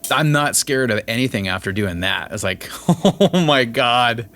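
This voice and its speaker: A musician hosts a casual conversation, speaking candidly and poking fun at himself as he hunts for the right words. His mid-range voice is expressive and a bit bright, with a slightly slow delivery.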